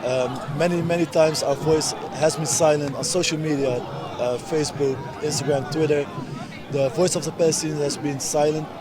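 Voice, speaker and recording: Amid a loud crowd of protesters in an outdoor street recording, a man in his twenties from the Netherlands gives an interview in short, insistent, earnest phrases with strong emphasis. He speaks at normal speed with a fairly high voice and fairly even intonation.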